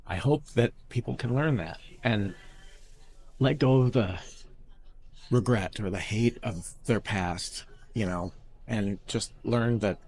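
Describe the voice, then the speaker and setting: A middle-aged man from Iowa, a drag performer speaking openly and earnestly in an interview, sometimes halting and restarting. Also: medium pitch. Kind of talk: candid interview talk.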